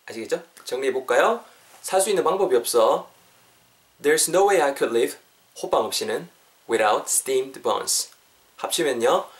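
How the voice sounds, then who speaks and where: A man teaching English phrases in a video lesson. He coaxes his viewers to repeat after him and shifts between quick Korean and slow, deliberate English. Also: mid-range voice, lively intonation.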